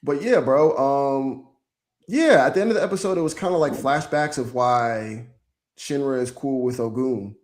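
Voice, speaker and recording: A man co-hosting a podcast, chatting casually about anime with playful, animated bursts. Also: mid-range voice, normal speed. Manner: animated, playful, bursts into loud mock chants. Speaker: podcast co-host.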